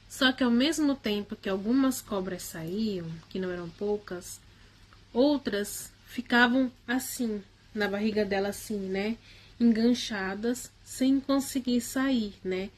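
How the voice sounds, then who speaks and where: Hesitant woman recounting an experience. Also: mid-range voice. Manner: hesitant, frequent tag questions and restarts. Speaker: channel host recounting a spiritual experience. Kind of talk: casual first-person recounting.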